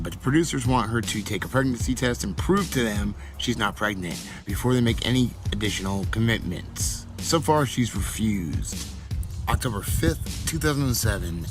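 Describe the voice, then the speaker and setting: A man narrates a scripted commentary, stepping through dates and reports in order. His voice sits at a middling pitch. Music runs clearly behind him throughout. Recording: clip with music playing behind.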